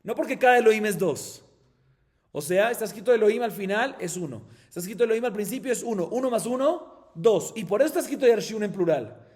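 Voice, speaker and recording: A man's voice: high voice, animated, fast, a little mellow, long reverb tail. A man with a Colombian Spanish accent, a rabbi teaching a Talmud class, explaining step by step and asking and answering his own questions.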